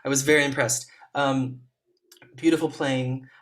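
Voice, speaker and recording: A man serving as a competition juror, giving gentle, encouraging spoken feedback to young players over a video call, with frequent ums. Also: mid-range voice, flat delivery, unhurried.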